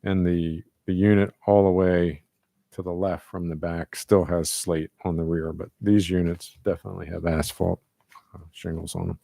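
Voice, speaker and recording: Deep gravelly man explaining at a meeting. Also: little pitch movement, normal speed, warm tone, no echo. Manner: hesitant, many fillers and restarts. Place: municipal meeting room.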